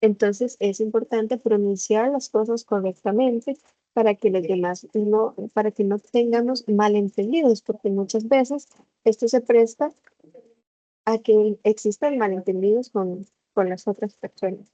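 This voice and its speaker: A woman teaching a lesson over a video call, explaining slowly and putting questions to the class. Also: mid-range voice, mellow, dry recording. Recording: slightly dull video call audio.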